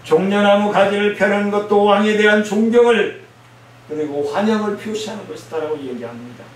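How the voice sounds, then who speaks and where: A male pastor preaching a sermon, blunt and scolding, with loud emphatic outbursts. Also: sits high, brisk. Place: church sanctuary. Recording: very echoey church hall, mic from a distance, faint hiss.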